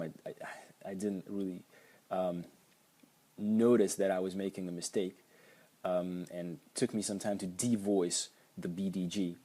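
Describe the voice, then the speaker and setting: A young man who is a native Slovak speaker, with a Slovak accent and a low, dark voice, teaches a casual lesson explaining sounds. He hesitates often, with many ums and restarts.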